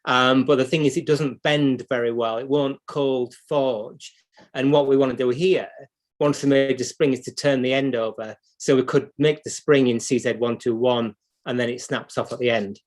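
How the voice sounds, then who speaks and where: A man with a British accent talks at a medium pitch, thinking aloud as an instructor would. His delivery is unscripted and explanatory, like someone showing practical work step by step. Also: fairly even intonation, moderate pace. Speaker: clock repair instructor and livestream host. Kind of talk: unscripted hands-on demonstration.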